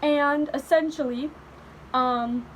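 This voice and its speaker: On her vlog, a young woman reacts to a book, excited and near tears, swearing and tripping over her words. She speaks slowly in a high-pitched voice, and the rough recording has slight background noise.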